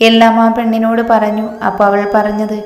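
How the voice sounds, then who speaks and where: A woman's voice: a little high, monotone, a little fast, close to an everyday voice. A woman voicing a matter-of-fact middle-aged father who talks about the marriage deal plainly. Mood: businesslike. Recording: roomy reverb with faint music.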